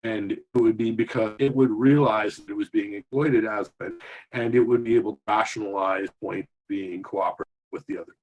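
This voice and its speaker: A man speaking as a guest over a video call whose audio cuts in and out, so his volume keeps rising and dipping, and he talks haltingly with many restarts. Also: lowish voice, steady tone, a little mellow, dull audio. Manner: halting, full of restarts and fillers. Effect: choppy call audio with uneven, dipping volume. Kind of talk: remote panel discussion.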